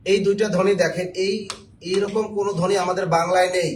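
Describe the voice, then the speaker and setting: Fast-talking joking teacher. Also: male voice, high-pitched, steady tone, a little hiss or hum. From Bangladesh. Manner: joking, quizzes the viewers. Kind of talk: spelling lesson for job exams.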